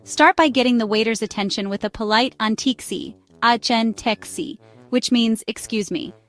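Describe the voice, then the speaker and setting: A woman giving a scripted travel phrase lesson in an upbeat tone, repeating words slowly so listeners can practice. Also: on the high side. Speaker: language tutor. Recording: dry close mic with faint music.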